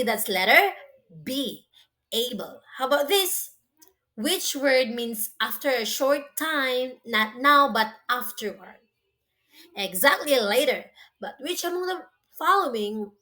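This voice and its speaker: A woman teacher giving a slow school dictation quiz, asking questions deliberately and confirming the answers with encouragement. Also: a little high, pushed and bright. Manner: slow, deliberate delivery, spelling words out letter by letter; encouraging, praising the listener.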